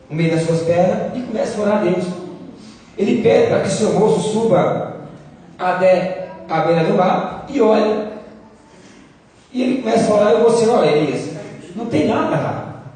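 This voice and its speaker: A man's voice: high-pitched, moderate pace, long pauses, far from the mic, a little hiss or hum. Brazilian pastor man, sore throat, preaching hard, big echoey church hall with a long reverb. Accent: Brazilian Portuguese. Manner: impassioned preaching, shouting at peaks. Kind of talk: sermon.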